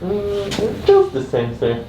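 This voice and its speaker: A man's voice: high voice, wildly swooping pitch, takes it slowly, reverberant, background noise. A man as a chiropractic patient, giving brief, agreeable, informal replies and reactions.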